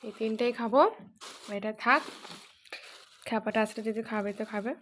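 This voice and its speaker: A woman's voice: on the high side, steady tone, normal speed, a bit bright, a little hiss or hum. A woman with a cold and a sore throat, chatting casually at home for her vlog and talking to a small child. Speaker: vlogger.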